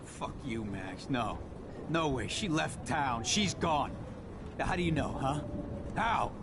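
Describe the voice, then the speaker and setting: A man's voice: mid-range voice, animated, takes it slowly, background noise. An actor playing a bitter, sardonic, volatile wounded man in a dramatic game, sarcastic and profane. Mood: disbelieving.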